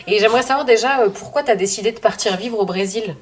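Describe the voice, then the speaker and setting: A woman's voice: fairly high pitch, quick pace, breathy edge. A woman hosting a podcast, introducing the episode and asking her guest questions in a casual way. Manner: friendly interviewer asking questions, laughs along. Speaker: podcast host. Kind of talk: casual chat.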